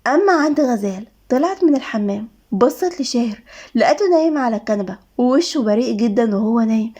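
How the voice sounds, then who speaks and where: A woman with an Egyptian accent narrating a romance story in a steady, dramatic way. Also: fairly high pitch. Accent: Egyptian Arabic.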